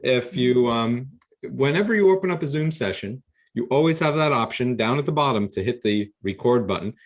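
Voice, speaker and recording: A man leads an online training session over a video call. He explains things casually and with upbeat enthusiasm, at an ordinary mid pitch. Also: expressive, normal speed. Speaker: workshop host. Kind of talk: casual instructional talk.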